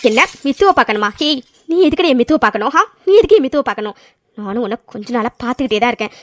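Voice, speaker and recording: A woman voicing a jealous, hot-tempered young woman in a cartoon serial, scolding with rapid-fire questions. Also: a little high, lively intonation, a bit bright, a little hiss or hum. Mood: angry.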